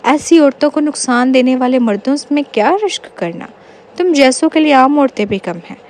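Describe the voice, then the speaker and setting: A woman voicing a sharp-tongued young wife who scolds her husband and reassures a friend. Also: sits high, animated, a little hiss or hum. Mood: reassuring.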